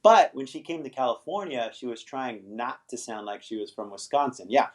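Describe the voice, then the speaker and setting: In a mid-range voice with lively intonation and normal speed, a middle-aged Los Angeles man chats with viewers on his English-teaching livestream. He rambles casually and frequently ends points with "right?"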